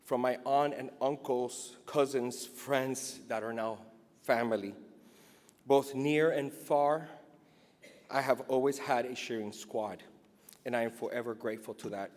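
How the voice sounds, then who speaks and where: A man's voice: medium pitch, fairly even intonation, unhurried. Emotional middle-aged man speaking in a reverberant hall. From Cuba. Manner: emotional, earnest. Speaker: award recipient. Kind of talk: acceptance speech, partly read from notes. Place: large indoor hall at an awards event. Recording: echoey hall with long reverb.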